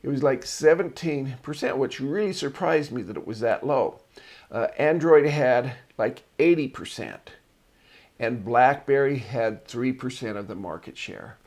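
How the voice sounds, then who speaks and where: A man's voice: mid-range voice, animated, unhurried, a little mellow. A man hosting a marketing show, casually reviewing articles and drifting into personal stories. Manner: chatty and digressive, tells personal stories.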